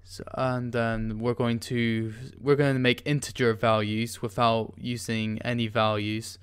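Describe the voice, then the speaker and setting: A man hosts a screen-recorded coding tutorial, his voice smooth and clean. He talks casually and hesitantly, with many ums and restarts while he types, and a keyboard clacks faintly behind him. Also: medium pitch, little pitch movement, measured pace. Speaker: tutorial host.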